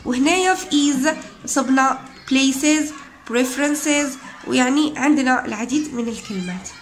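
A woman's voice: high voice, normal speed, slight background noise. A woman with an Algerian Arabic accent, an English teacher explaining an exam step by step and switching between dialect and English. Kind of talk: exam walkthrough lesson.

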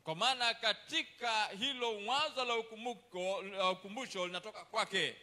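A man's voice: high-pitched, normal speed, sharp tone, echoey room. A man interpreting a church sermon, repeating each of the preacher's phrases right after him.

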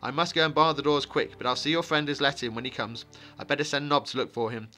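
A man's voice: mid-range voice, fairly even intonation, fast, pushed and bright, lightly acted. A man voicing an anxious, forgetful, chatty village innkeeper in a fantasy audiobook, in flustered, rambling rustic talk. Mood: flustered, fussing. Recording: music behind the voice.

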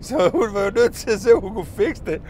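A man telling old childhood stories in a loose, rambling way, often laughing and breaking off to restart. His voice sits a little high and swings widely in pitch. A faint vehicle rumble runs underneath, as if he is talking from inside a vehicle. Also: animated, a little mellow. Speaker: vlogger. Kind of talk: casual storytelling of childhood memories.

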